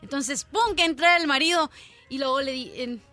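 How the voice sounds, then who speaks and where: A woman's voice: high voice, normal speed, sharp tone, faint music behind. A woman co-hosting a comedy radio show, chatty and hurrying through a joke. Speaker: radio co-host. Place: radio studio.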